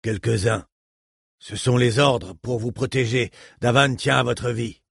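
A man voicing a matter-of-fact street thug in an audiobook, plain and flat. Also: medium pitch, unhurried, creaky, husky, no echo, studio quality.

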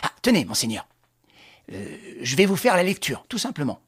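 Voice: medium pitch, sing-song, moderate pace, husky, no echo, clean studio sound. A reader voicing a young officer who talks to his prisoner in a mock-friendly, sarcastic tone. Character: mocking young French officer, coldly ironic.

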